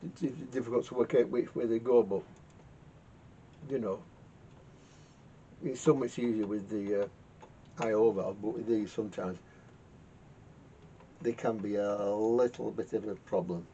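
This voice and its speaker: Working in his garage for a workshop video, a man who restores vintage radios talks casually through the repair in a dark, soft voice with a steady tone. His speech is halting, he mutters to himself, and he repeats words, all captured in muffled, lo-fi audio with a rumbling background.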